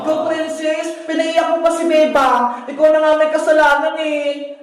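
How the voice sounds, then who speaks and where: A woman's voice: sits high, level tone, moderate pace, faint music behind, some chatter behind, lightly acted. Woman playing a bossy, scolding schoolgirl. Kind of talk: comedy skit acting. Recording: very echoey room.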